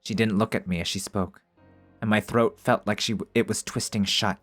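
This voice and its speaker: A man's voice: on the low side, fairly even intonation, moderate pace, fairly bright tone, faint music behind. A man reading a visual novel aloud as narration and breaking off to joke and swear in casual commentary. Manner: swears freely, jokes between narrated lines.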